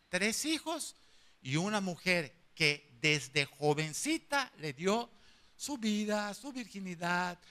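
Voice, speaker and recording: A man with a Mexican accent, a pastor giving a sermon, telling lively, humorous stories and acting out the dialogue of the people in them. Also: sits high. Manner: animated, acts out dialogue of the people in his stories.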